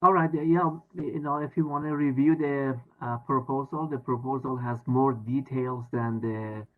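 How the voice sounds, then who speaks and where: A man's voice: mid-range voice, fairly even intonation, moderate pace. A man, a committee member, speaking informally in a meeting on a group conference call. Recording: dull, lo-fi conference call audio.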